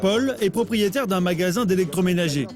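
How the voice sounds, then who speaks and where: A man reading a scripted voice-over narration for a documentary in a measured, storytelling way. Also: high-pitched, lively intonation, darkish tone, soft background music.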